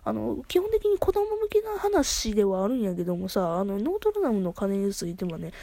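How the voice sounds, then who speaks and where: A woman with a Kansai accent chatting excitedly on her solo podcast, often restarting her sentences. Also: medium pitch, a little fast, creaky, no room sound. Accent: Kansai Japanese. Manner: chatty, excitable fan talk full of restarts. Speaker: podcast host. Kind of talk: casual solo podcast chat.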